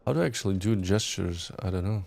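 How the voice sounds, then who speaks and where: Low, creaky-voiced male game streamer. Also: quick pace, darkish tone, a little hiss or hum. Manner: musing, thinking aloud. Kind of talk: casual game playthrough commentary, reading text aloud.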